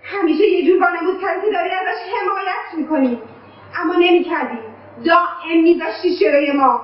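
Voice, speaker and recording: An actress playing a grown daughter who accuses her mother and recounts events, in a radio drama. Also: very high voice. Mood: accusing. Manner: accusing, reproachful. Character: grown daughter, reproachful and emotional. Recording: echoey, distant, dull lo-fi sound.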